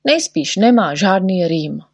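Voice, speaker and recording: Woman voicing a fussy little male poet, teacherly, lively pitch, slightly husky, storybook reading. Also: no echo. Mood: lecturing. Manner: explaining, correcting, teacherly.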